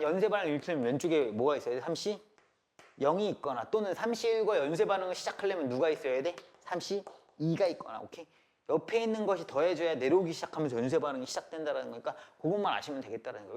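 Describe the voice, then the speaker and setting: Male math lecturer, slightly high voice, live classroom, peppers students with quick questions. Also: a little mellow. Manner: rhetorical questions, checking understanding; blunt and casual with students. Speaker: math teacher.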